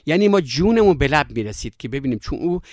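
A man's voice: a little high, big pitch swings, darkish tone, dry recording, clean studio sound. Yazdi-accented man telling storytelling anecdotes. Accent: Yazdi Persian. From Yazd, Iran. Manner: reflective, anecdotal, with frequent filler pauses. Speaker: storyteller guest. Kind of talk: interview conversation.

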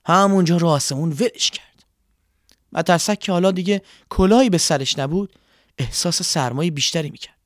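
A man narrating a children's story in a gentle, expressive way. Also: on the high side, no echo, studio quality.

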